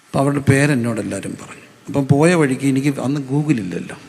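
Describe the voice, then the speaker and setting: A man with a Kerala Malayalam accent preaches a sermon in a gravelly, fry-edged voice. He fires rhetorical questions and answers them himself, repeating phrases in a steady preacherly rhythm. The sound carries a long reverb, as if from a big hall. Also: mid-range voice, moderate pace. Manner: repetitive, preacherly cadence. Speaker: pastor.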